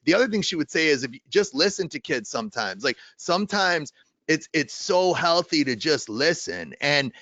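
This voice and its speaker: A man hosting an education podcast, talking in an emphatic, animated conversational way. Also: fairly high pitch, moderate pace, dry recording. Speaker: podcast host. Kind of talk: conversational interview.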